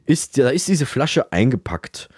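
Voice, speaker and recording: Male comedy podcast host, mid-pitched, rambling, deadpan, dry studio sound. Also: a little slow, slightly rough, dry recording. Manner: rambling, hesitant, full of fillers.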